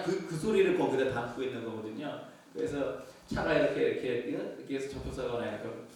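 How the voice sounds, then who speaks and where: A man's voice: medium pitch, darkish tone, distant mic, slight background noise. Male pastor preaching in an echoey church. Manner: conversational preaching, asks the congregation questions. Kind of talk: sermon. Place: church sanctuary.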